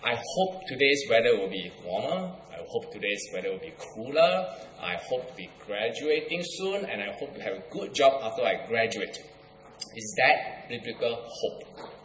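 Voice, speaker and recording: A man's voice: medium pitch, sing-song, moderate pace, a bit bright, slight background noise. A middle-aged man from Singapore with a Singaporean accent, preaching a sermon as a guest pastor, with light humor. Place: church hall. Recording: echoey church hall.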